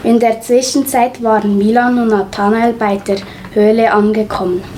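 A woman reading a children's story aloud in a steady, deliberate way. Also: fairly high pitch, slight background noise, low-quality recording.

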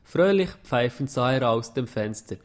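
A man narrating a Christmas-time story in a calm, even reading voice. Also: medium pitch, moderate pace.

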